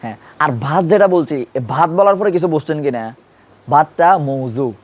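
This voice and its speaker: This Urdu grammar teacher's voice sits a bit high, with lively intonation at a normal pace. During the class he quizzes students on grammar, repeating his questions.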